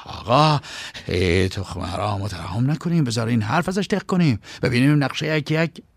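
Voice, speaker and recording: A man's voice: fairly high pitch, vocal fry, fairly bright tone, slight background noise, voice pushed up. Man doing a pleading henchman. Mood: urgent. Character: anxious male henchman, eager to explain himself.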